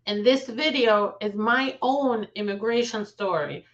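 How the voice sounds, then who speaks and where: Speaking at a measured pace in a voice on the high side, a woman in her forties shares her family's story to camera. She's an immigration lawyer from Ukraine, earnest and conversational, sometimes correcting herself, and the recording is muffled.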